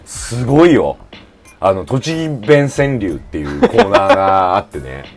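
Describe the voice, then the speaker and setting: A man hosting a casual radio chat and telling stories with lively acted-out quotes. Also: lowish voice, measured pace, over music. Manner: animated storyteller who acts out quotes. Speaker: podcast host.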